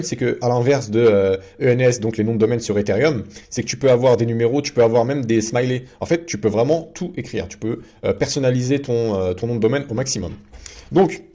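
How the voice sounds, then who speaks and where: A man's voice: mid-range voice, brisk, mellow. A man giving a casual screen-share tutorial as a video host, talking in a chatty way with many fillers and restarts.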